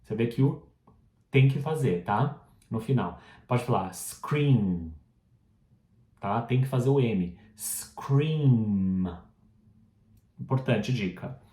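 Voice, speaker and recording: A man's voice: medium pitch, lively intonation, slow, dark tone. A man with a Brazilian Portuguese accent teaching English pronunciation, patiently modeling words and asking the listener to repeat after him. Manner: frequent checking tag questions. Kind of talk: online pronunciation lesson. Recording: roomy echo.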